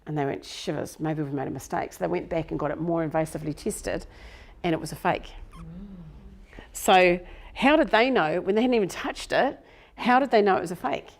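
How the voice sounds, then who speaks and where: Gravelly low-voiced New woman coach. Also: fairly quick. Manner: chatty and self-deprecating, laughs often. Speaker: business coach presenting a workshop. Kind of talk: live workshop talk to a group. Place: room with a live audience.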